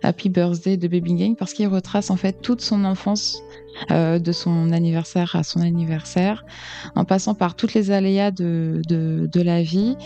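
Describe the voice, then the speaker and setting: A woman with a dark, mellow voice gives an earnest, halting personal account as an interview guest. Her delivery is reflective, and the sound is slightly dull and lo-fi, with music behind her. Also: fairly low pitch, steady tone. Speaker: interview guest, decorative painter.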